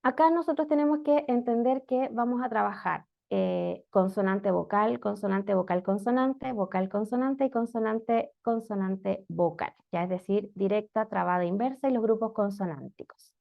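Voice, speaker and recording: A woman's voice: mid-range voice, normal speed, creaky, hardly any pauses. A woman giving an online lecture on teaching reading, explaining step by step and often checking in with "¿ya?". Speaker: special education instructor. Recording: muffled lo-fi audio.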